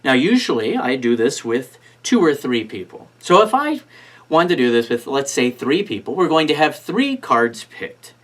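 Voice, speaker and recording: Male magician, mid-pitched voice, instructional card-trick patter, casual and step-by-step, talking to volunteers. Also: sing-song, moderate pace, a bit bright.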